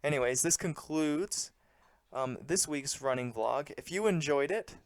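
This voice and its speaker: A man narrating a vlog recap as a vlogger, in a plain, measured and earnest way. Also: on the high side, no room sound. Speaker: running vlogger.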